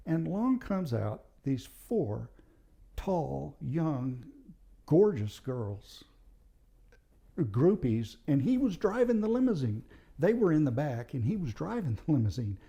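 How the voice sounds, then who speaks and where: A man's voice: a little high, very animated, slow, creaky, mellow, lo-fi sound. A former police officer, a man, tells true stories from his time on the job in a casual, plain-spoken, matter-of-fact way. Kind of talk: casual anecdotal storytelling.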